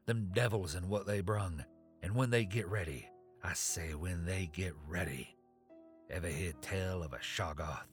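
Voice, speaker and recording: A man voicing a crazed old townsman who rambles in a frantic rustic drawl, swinging from loud shrieks down to whispers. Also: sits low, unhurried, soft background music.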